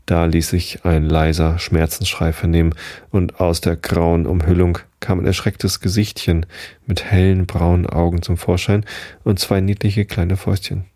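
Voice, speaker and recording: A man reading a story aloud in steady, measured audiobook narration. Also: deep voice, no echo, studio quality.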